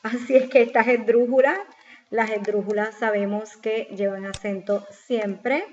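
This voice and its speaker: A woman's voice: fairly high pitch, steady tone, a little slow, a little mellow. A woman teacher patiently explaining a spelling exercise step by step, asking questions and answering them herself. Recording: slightly dull lo-fi recording with faint noise.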